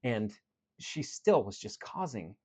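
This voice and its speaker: A man with a low, slow, slightly breathy voice delivers a sincere, straightforward motivational talk as a life coach. He shares a story from his job, moving back and forth between lively and subdued.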